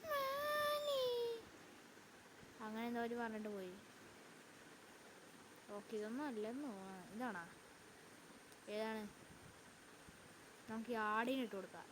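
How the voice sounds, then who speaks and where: A woman's voice: fairly high pitch, background noise. A woman YouTuber giving chatty let's-play commentary, talking to her viewers and breaking into frightened outbursts. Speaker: gaming YouTuber.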